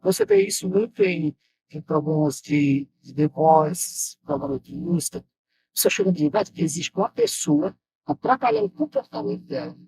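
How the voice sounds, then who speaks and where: A Brazilian man with a Bahian accent, a musician guest in a TV studio, chiming in with lively short remarks. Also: a little high, moderate pace, vocal fry, low-quality recording. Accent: Brazilian Portuguese, Bahian. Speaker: musician guest, keyboard player. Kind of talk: casual studio chat.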